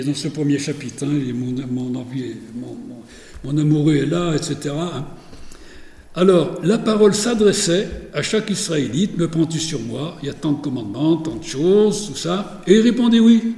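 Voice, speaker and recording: A man's voice: sits high, darkish tone, echoey room, in a large hall. A man giving a lecture on religious texts, digressive, with many fillers and restarts.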